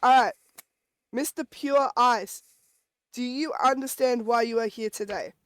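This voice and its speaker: Hesitant higher-voiced woman as prosecutor. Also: unhurried, slight background noise. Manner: hesitant, stumbling, restarts often. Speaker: prosecutor in a game role-play. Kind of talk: playful role-play chat.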